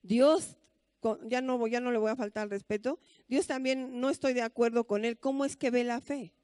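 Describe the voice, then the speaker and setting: A woman's voice: fairly high pitch, steady tone, moderate pace, a little mellow, dry recording, studio quality. A woman pastor with a Mexican accent, giving a conversational sermon full of stories and rhetorical questions.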